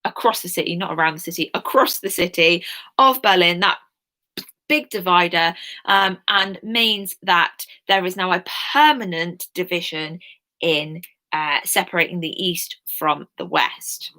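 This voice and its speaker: A young history teacher with a lowish, sharp-toned voice gives a casual recorded lesson at a measured pace. Her style is chatty and informal, full of asides and filler words.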